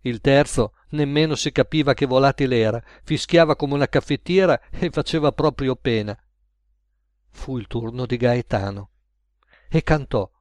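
A man narrating a comic tale in a measured, wry storytelling manner. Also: medium pitch, a little mellow, no room sound.

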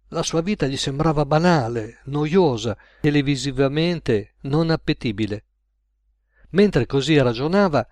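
A man reading a comic tale aloud in a measured, wry way, at an ordinary pitch. The sound is very dry and close, with no room around it. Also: darkish tone, dry recording. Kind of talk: storybook narration.

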